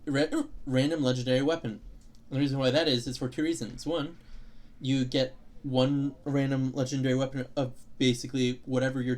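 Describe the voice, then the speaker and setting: A young man streaming a game, explaining its mechanics in a rambling way with lots of fillers and restarts, hiccuping now and then. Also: mid-range voice. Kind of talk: casual gameplay commentary.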